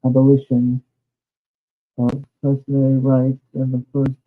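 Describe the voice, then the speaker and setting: A man on a podcast reading a passage aloud, halting and stumbling over words. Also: mid-range voice, completely flat delivery. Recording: tinny phone-like line with faint music.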